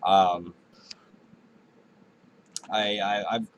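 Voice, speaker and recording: A man's voice: low-pitched, little pitch movement, extremely slow, muffled recording. A man co-hosting a podcast in casual chat, easygoing and agreeable. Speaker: podcast co-host.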